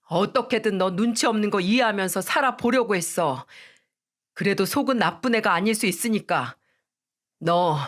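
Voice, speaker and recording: A woman's voice: medium pitch, a bit bright, natural voice. A woman voicing a firm young man, a devoted son who speaks bluntly, in a radio story.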